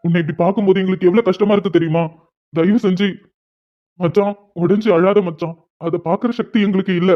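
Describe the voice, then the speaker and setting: ஒருவர் நடிக்கும் வேகமாகக் கெஞ்சும் நண்பன். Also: male voice, sits high, fairly even intonation, close to an everyday voice. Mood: urgent. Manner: rapid urgent pleading. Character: caring young friend, pleading, worried. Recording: dull lo-fi sound.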